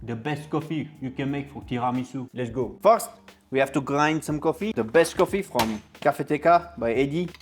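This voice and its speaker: A man's voice: medium pitch, moderate pace. A man in his thirties with a French-style foreign accent, hosting a casual recipe demonstration in a playful, joking manner. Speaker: cooking show host. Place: indoor kitchen with steel fridges. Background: music.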